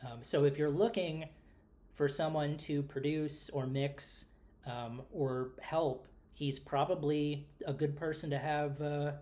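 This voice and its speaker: A man's voice: on the high side, fairly even intonation, slow, a little mellow. A middle-aged man with a New York accent co-hosts a casual podcast chat. He rambles and pokes fun at himself, with lots of "um" and "uh" as he loses his train of thought and picks it back up. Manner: rambling, self-deprecating, with fillers. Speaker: podcast co-host.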